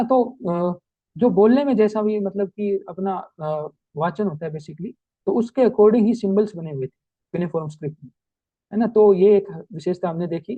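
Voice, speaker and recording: In this recorded class lecture, a male teacher with a high-pitched voice explains history in Hindi sprinkled with English terms, reading the English points slowly. The audio is narrow and tinny, with no echo.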